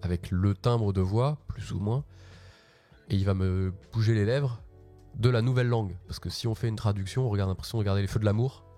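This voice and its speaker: A man talks through software in a casual live session from his office, with a slightly low, mellow voice. He is chatty and slangy and often restarts mid-sentence. Faint music plays behind him. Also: fairly quick. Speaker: host. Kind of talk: casual live tech walkthrough.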